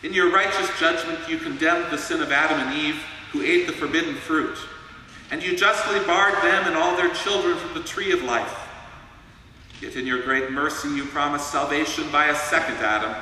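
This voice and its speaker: A male pastor leading a church liturgy in a solemn, measured way, his voice carrying through a cathedral echo. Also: a little high, bright, forceful tone. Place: large church. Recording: echoey church hall from far off, faint hiss.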